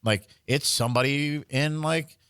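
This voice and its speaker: A man co-hosting a podcast, telling stories in a casual, joking way and sometimes mimicking a booming radio DJ. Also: a little slow, a bit bright, clean tone, no room sound. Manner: chatty storyteller, slips into a booming radio-DJ voice. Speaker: podcast co-host. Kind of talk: casual comedic chat.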